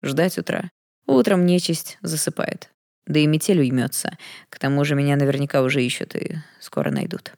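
A woman's voice: sits low, fairly even intonation, moderate pace, vocal fry, a little mellow. A woman voicing an arrogant, mocking young male prince in an audiobook, with a smug, teasing manner. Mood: calm. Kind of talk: audiobook character voice.

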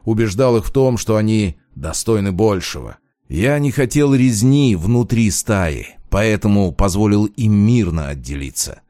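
A man voicing a weary, gruff old male wolf shapeshifter in an audiobook, speaking low and grumbling. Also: lively intonation, a little slow, mellow, no room sound, studio quality. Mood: grim. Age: older. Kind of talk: audiobook character voice.

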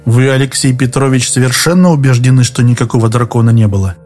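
A man voicing a stern, older male expedition commander who speaks low and clipped. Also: fairly even intonation, fast talker, a little mellow, faint music behind, close to an everyday voice. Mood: grave.

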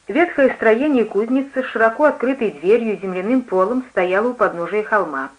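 A woman reading a first-person novel aloud, in an even, measured way. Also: fairly high pitch, rough recording. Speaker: audiobook reader. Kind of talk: first-person literary narration.

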